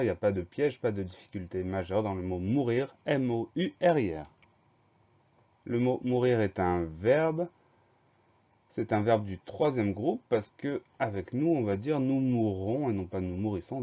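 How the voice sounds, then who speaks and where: Man, low mellow voice, patient teacher spelling words out, dull lo-fi sound. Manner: slow, methodical, spells words letter by letter. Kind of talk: dictation lesson.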